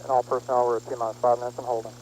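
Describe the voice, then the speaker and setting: A man's voice: medium pitch, level tone, very fast, darkish tone, slight background noise, poor audio. A man making clipped, businesslike procedural calls as a launch conductor on a radio loop. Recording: humming intercom radio loop.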